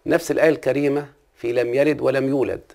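A man's voice: mid-range voice, fairly even intonation, racing, vocal fry, dark tone. A man with an Egyptian accent teaching a classical Arabic grammar lesson, often stopping to ask his listener questions. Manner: asks the listener frequent check-in questions.

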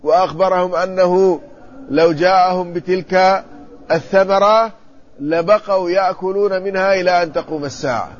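A man, an Islamic scholar, giving a measured classroom commentary on hadith and checking the text with his students. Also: high-pitched, steady tone, soft background music. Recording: muffled lo-fi recording with faint ambience.

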